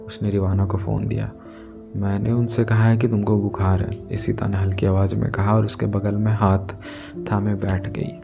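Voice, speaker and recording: A man narrating an audiobook story in a steady, measured way. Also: on the low side, creaky. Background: background music.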